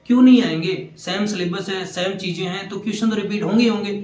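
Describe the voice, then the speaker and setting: A man's voice: sits high, fast talker, darkish tone, echoey room. A young man from Rajasthan, a government engineer, giving earnest motivational exam advice, repeating his points and mixing in English terms. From Rajasthan, India. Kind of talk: motivational talk.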